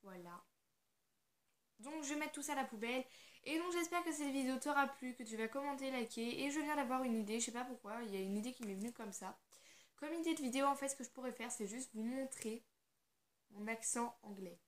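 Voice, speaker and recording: A woman's voice: sits high, brisk. A teenage girl chatting casually in a makeup vlog, giggly and full of fillers. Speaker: beauty vlogger.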